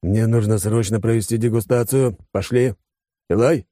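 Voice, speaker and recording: A male narrator voicing a reckless, excitable young man who talks loudly, eagerly and bossily. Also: lowish voice, normal speed, no echo, studio quality, voice pushed up, lightly acted. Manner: loud, eager, bossy.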